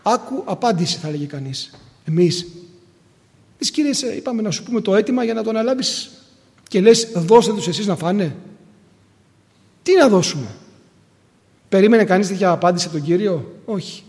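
A man preaching a sermon to his congregation, earnest, rising to loud appeals and dropping to hushed asides. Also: sits high, lively intonation, long pauses. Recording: long hall reverb.

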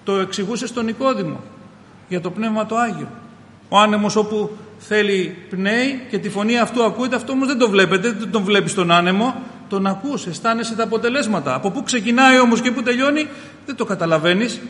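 A man preaching a sermon as a pastor, impassioned, rising loud on key phrases and calling his listeners brothers. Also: sits high. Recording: reverberant hall, faint ambience.

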